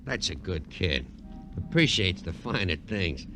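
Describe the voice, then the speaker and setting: In a noisy old 1950s radio drama, a man plays a gruff, touchy middle-aged ex-con safecracker dressed as Santa, using a full character voice that's low and sharp with big pitch swings and a slightly slow pace. Blustering in tough-guy street talk, he sounds mollified over soft background music.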